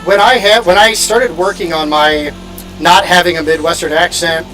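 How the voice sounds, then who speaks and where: A man from Indiana chatting quickly and casually while sim racing on stream, laughing often. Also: high voice, fairly even intonation, pushed and bright, rough recording. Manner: fast-talking, laughs often. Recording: music playing in background.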